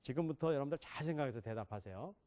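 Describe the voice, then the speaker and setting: Lively man lecturing on pronunciation. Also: medium pitch, very fast. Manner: animated, questions the audience and demonstrates sounds. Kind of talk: classroom lecture.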